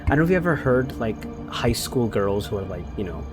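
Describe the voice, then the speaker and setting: A man's voice: mid-range voice, very animated, brisk, music in the background. A man running a tabletop role-play game as game master; he narrates scenes and explains them with hesitant restarts.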